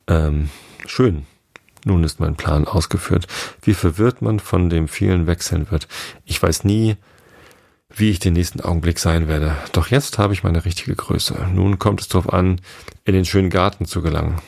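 A man with a low, husky voice voicing a curious, truthful little girl in a storybook reading, with indignant, puzzled questions. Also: normal speed, darkish tone, dry recording, studio quality. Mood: musing.

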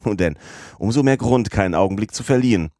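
A man voicing an excitable, loyal French manservant who talks indignantly and exclaims often. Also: fairly low pitch, brisk, no room sound, studio quality, voice pushed up.

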